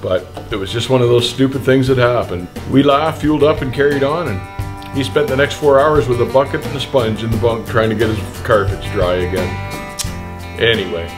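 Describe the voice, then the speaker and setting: Music plays in the background as an older trucking-channel host, medium-pitched and moderately paced, speaks directly to camera. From his small indoor studio he offers blunt, indignant, plain-talking advice, gesturing broadly.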